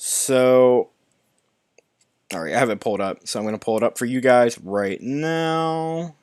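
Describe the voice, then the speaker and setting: A man's voice: mid-range voice, unhurried, a little mellow, clear, resonant tone, no room sound, studio quality. Stumbling young man reading movie news. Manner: stumbling, restarting words, reading articles aloud. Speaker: YouTube movie news host. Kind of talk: live-stream news reading and commentary.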